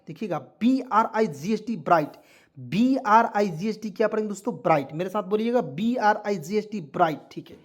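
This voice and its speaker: Man slowly spelling out English words. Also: sits high. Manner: spells words letter by letter and repeats them often; keeps asking questions of the viewers. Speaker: English teacher. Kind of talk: spelling-out vocabulary lesson.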